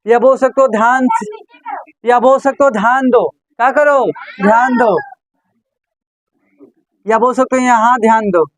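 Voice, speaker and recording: With a very high-pitched voice, a measured pace and long pauses, a man runs an English lesson by drilling phrases again and again and questioning his students. The recording is rough, with no room sound.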